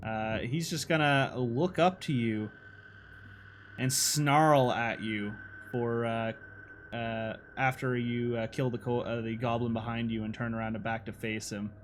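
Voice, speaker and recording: A man's voice: medium pitch, fairly even intonation, unhurried, slight background noise. A man running a tabletop game on a live stream, describing gory scenes casually and laughing often. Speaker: dungeon master. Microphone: streaming microphone.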